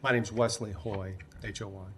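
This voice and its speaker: A man's voice: on the low side, fairly even intonation, normal speed. An older man giving a short podium speech at a public meeting, plain and a little awkward as an unpolished speaker. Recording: clear background noise in meeting room.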